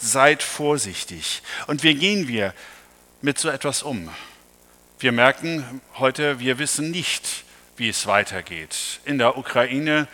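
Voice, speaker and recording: A man's voice: mid-range voice, pushed and bright, long reverb tail. A man preaching a sermon, emphatic, asking his congregation direct questions.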